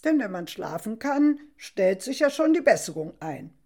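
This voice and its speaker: A woman's voice: mid-range voice, sing-song, moderate pace, mellow. Earnest apostle Peter, read by a woman. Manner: explaining earnestly, storybook voicing. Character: apostle Peter, earnest grown man, patient. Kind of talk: storybook reading.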